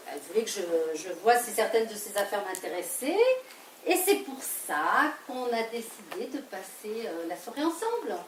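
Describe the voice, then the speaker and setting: A woman's voice: a little high, a little hiss or hum, lightly acted. A woman acting a flustered, defensive wife caught in a lie, in a live stage play, recorded from a distance in an echoey theatre. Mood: evasive. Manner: flustered, quick protests and repeated denials. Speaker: stage actor. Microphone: distant room mic.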